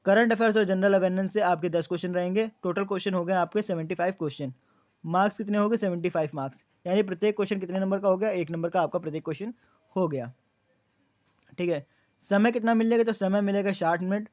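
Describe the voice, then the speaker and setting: A man's voice: high-pitched, fast talker, a little mellow, dry recording. A young man explaining exam details to students, repeating key points as questions and answers, with frequent fillers. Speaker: exam coaching YouTuber.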